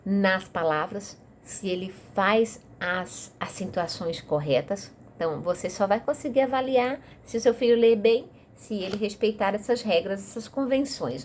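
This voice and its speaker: A woman with a Brazilian Portuguese accent talks parents through a reading method in a relaxed, conversational lesson, her voice sitting at an ordinary middle pitch. She keeps checking in with the listener as she explains. A faint noise runs underneath the recording. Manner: chatty, frequent tag questions, talks straight to the listener.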